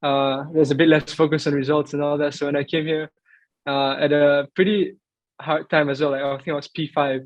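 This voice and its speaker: A young man raised in Greece talks through his answers slowly and thoughtfully, filling gaps with "uh" and "like." His pitch sits a touch high but barely moves. The sound is dry and a little dull, like a lo-fi recording. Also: little pitch movement, no echo. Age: young adult. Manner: thoughtful, hesitant with many fillers. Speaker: footballer guest. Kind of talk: casual interview answers.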